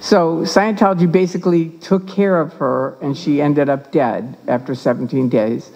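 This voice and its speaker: A husky, mellow-voiced older woman tells her personal story to a live audience and slips into the voices of the people she quotes. The sound is dull and lo-fi. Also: low voice, normal speed. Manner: animated, acts out quoted voices. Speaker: guest speaker.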